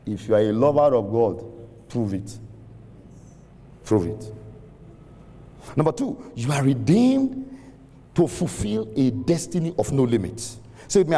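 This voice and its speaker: A middle-aged man preaching a sermon, using call-and-response, laughing often and rising to shouts. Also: a little high, slight background noise. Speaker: pastor. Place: large church hall with congregation. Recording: reverberant hall, faint room ambience.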